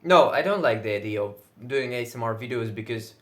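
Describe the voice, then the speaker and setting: Speaking English with a Russian accent, this video creator rambles solo in a mid-range, animated voice, occasionally stopping to search for a word and dropping mild swears. He claims he is loud most of the time; Russian is his first language.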